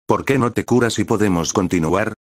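A man's voice: lowish voice, a little fast, darkish tone, breathy edge, no room sound, clean studio sound. A man voicing a friendly, teasing older male student in a story reading.

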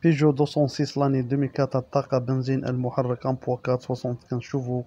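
Algerian man, brisk flat car-listing read, mellow tone, muffled lo-fi recording. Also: medium pitch. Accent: Algerian Arabic. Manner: monotone listing of specs and prices. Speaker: used-car price presenter.

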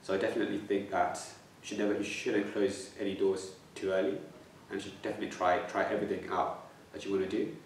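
His voice sits low and level at a quick pace, with a little hiss or hum in the background. The man, in his twenties, stammers through interview answers thoughtfully, repeating and restarting, inside a plain echoey room with the mic placed slightly away.

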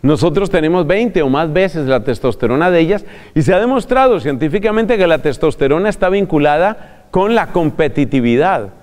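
High-voiced preacher in a reverberant space. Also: male voice, lively intonation, moderate pace, a little mellow. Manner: conversational, addresses listener directly, chuckles at own asides. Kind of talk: recorded religious talk.

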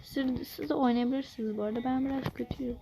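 A woman's voice: high voice, steady tone, quick pace, creaky, noisy background. A young woman giving casual gameplay commentary, muttering to herself with exasperated sighs and sudden yelps. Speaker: gamer. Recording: background game music.

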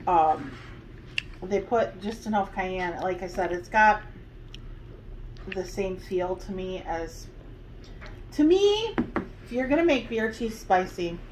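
A woman's voice: on the low side, slow, noisy background. A woman casually chatting while tasting food, self-deprecating and talkative. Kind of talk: casual chat.

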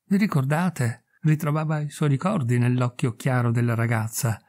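A man reading a classic short story aloud in measured, expressive narration. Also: mid-range voice. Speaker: audiobook reader. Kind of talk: scripted literary narration.

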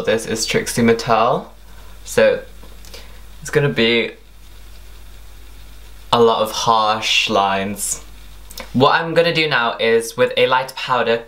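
A man's voice: medium pitch, pushed and bright. A young man narrating an instructional makeup tutorial as its presenter. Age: young adult.

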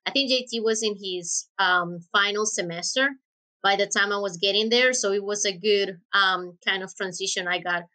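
A Honduran woman in her thirties, a guest researcher, answers interview questions thoughtfully with many hesitations over a webcam video call from an office with window blinds. She has a Honduran Spanish accent and a bright, forceful voice of medium pitch at a moderate pace.

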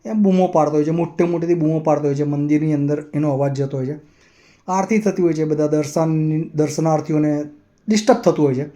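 Guy casually telling a devotional story, slow, repeats himself a lot, mellow and a bit high. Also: steady tone. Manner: slow, repetitive, restarting phrasing.

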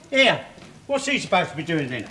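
Cheeky high-voiced London plumber. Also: male voice, big pitch swings, a little slow, pushed and bright, exaggerated voice. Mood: cheeky, mocking. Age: middle-aged. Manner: mocking, chummy banter. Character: cheeky, brash working-class plumber in a flat cap. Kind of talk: 1970s TV sketch comedy acting. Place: TV studio set before a laughing audience. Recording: noisy old studio TV recording.

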